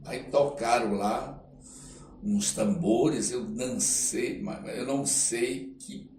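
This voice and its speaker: This mid-range male voice belongs to an actor and guest artist from the Brazilian Amazon, sharing his life story through casual anecdotes in an interview. He acts out dialogue with animation, pausing and frequently adding "né" to his phrases. The audio sounds roomy and echoey, picked up from a distance with a little background noise.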